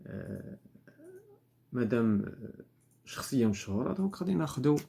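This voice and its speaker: A man's voice: mid-range voice, big pitch swings, moderate pace, creaky, warm tone, breathy edge. A man with a Moroccan accent, patiently explaining a lesson step by step as a teacher. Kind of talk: lesson explaining worksheet answers.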